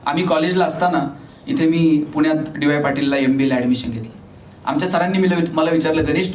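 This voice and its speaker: A man from Maharashtra giving a motivational speech to a live audience. He tells humorous stories and acts out the dialogue. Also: sits high. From Maharashtra, India. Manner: humorous storyteller acting out dialogue. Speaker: motivational speaker. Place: large hall with a live audience. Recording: echoey hall from far off, faint noise.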